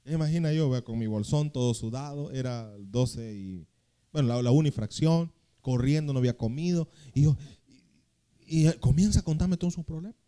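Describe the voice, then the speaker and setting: A young male pastor, preaching a sermon that swings between loud, slow scripture reading and quick, quiet storytelling. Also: mid-range voice, clean tone.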